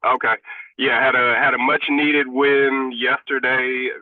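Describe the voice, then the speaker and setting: A meeting participant on a video call whose voice is muffled, as if heard through a wall, giving a halting update full of fillers. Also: medium pitch, level tone, a crowd in the background. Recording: muffled phone-like video call audio, far from the mic.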